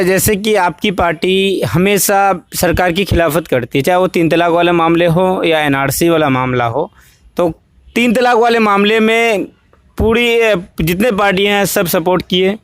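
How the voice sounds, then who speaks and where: Wordy Bihari male reporter, high voice. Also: a little slow, clean tone, no echo. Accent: Bihari Hindi. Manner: wordy, hesitant, restarting questions. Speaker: interviewer. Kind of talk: reporter's long rambling questions.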